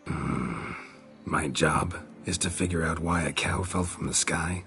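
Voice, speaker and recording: Brief: a man playing a gruff game monster hunter, low voice, few words. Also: unhurried, fairly bright tone, faint music behind, heavily acted. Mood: dry. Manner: clipped, dry, few words. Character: terse, weary male monster hunter for hire. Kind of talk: fan dub of a video game.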